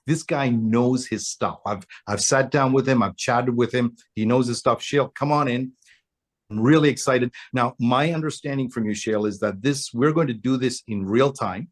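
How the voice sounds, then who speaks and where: A man with a somewhat husky voice co-hosts a webinar over a video call. He sounds upbeat as he introduces a guest in a casual way. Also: medium pitch, moderate pace, hardly any pauses.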